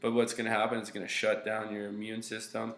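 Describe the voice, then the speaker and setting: Fast and completely flat, with vocal fry, this young Canadian man's voice sits on the low side and is fairly bright, though congested and nasal. Lecturing over a slideshow as a teacher, he rambles loosely with plenty of fillers and "okay"s. The webcam recording comes from a small room at home, echoey and faintly humming.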